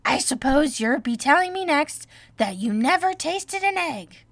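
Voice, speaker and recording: Shrill, creaky, scolding mother pigeon. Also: expressive, measured pace, no room sound. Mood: contemptuous. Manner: plaintive, contemptuous, emphatic. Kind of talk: dramatised storybook reading.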